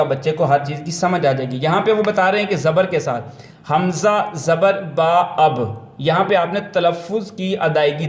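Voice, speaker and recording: Patient man teaching in an echoey room. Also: fairly high pitch. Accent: Pakistani. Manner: patient, repetitive, sounds out letters slowly. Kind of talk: explaining a textbook lesson to parents and tutors.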